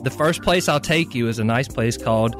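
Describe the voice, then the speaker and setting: A man's voice: medium pitch, brisk, over music. A man, a radio contestant, reading out a comic love letter with exaggerated inflection.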